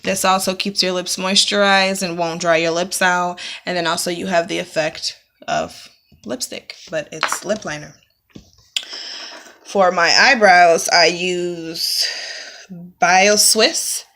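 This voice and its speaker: A young woman with a slightly low but bright, forceful voice walks through her beauty routine in a relaxed, chatty way. She explains each product step by step and fills pauses with ums. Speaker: beauty vlogger. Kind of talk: casual makeup tutorial. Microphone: camera mic, close-ups to the lens.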